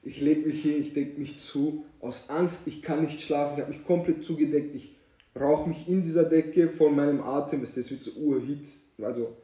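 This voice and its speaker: A man's voice: a little high, normal speed, distant mic. Young man telling a story, echoey room. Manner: animated slangy storyteller, acts out scenes. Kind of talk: casual storytelling among friends.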